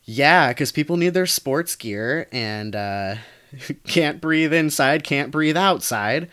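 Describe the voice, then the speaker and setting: Woman, podcast co-host, very low voice, wry and teasing, casual chat. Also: takes it slowly. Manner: teasing, wry, animated storytelling.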